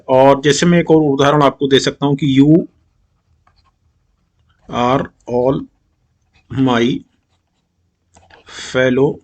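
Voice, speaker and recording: A middle-aged man with an Indian accent explains exam grammar questions, mixing Hindi and English and reading English sentences slowly and deliberately. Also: medium pitch. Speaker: exam-prep English teacher.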